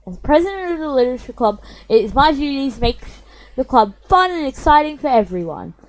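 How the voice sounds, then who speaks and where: A woman's voice: sits high, very animated, brisk. A woman voicing a poised, confident teenage club president with a sweet, composed manner.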